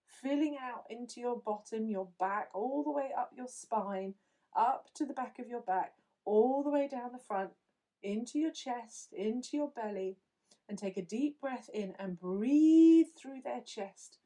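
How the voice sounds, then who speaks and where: Woman with a mellow voice guiding a meditation. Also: fairly high pitch. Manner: slow, soothing, instructive. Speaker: meditation guide. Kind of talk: guided visualization.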